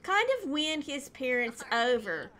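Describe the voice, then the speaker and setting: Woman, game narration, bright voice, slightly high, chatty storyteller. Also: very animated, measured pace. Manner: chatty, storytelling, many fillers like "you know". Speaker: gameplay narrator. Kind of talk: casual gameplay narration.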